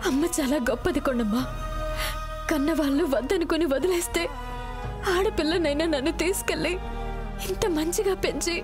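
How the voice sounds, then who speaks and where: A woman's voice: high-pitched, normal speed, pauses often, music in the background, close to an everyday voice. An actress playing a heartbroken young woman in a TV serial, crying and pleading in grief. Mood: grieving. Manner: grieving, pleading. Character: heartbroken young woman who just learned she was adopted. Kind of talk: TV serial acting. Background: loud violin background score.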